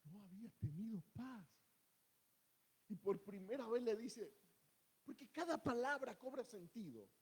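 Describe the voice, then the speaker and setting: Brief: male pastor preaching, high voice, repeats phrases, asks the congregation questions. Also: lively intonation, measured pace, pauses often, darkish tone, husky. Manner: repetitive, rhetorical questions to the congregation. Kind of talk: sermon. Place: church, standing before a congregation.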